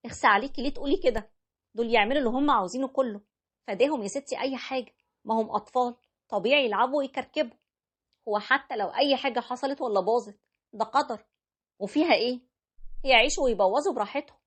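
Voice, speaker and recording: A gentle young bride, as a woman reader puts her on speaks in a soft, polite storybook voice, a little higher than the narration. Her words come fast, with a husky edge. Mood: gracious.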